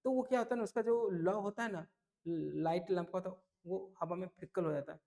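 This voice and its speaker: A man teaching English vocabulary for an entrance exam, lively and repetitive, often checking whether students follow. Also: high voice, fairly quick. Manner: lively, repeats key words, asks "clear?" often. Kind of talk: exam-prep vocabulary lesson.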